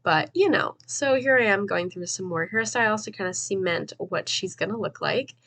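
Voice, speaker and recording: The voice is a young woman's, fairly low and a bit bright, stuffy and slightly nasal. She hosts gaming videos, casually talking through a game build in voice-over, chatty and rambling with fillers and laughs.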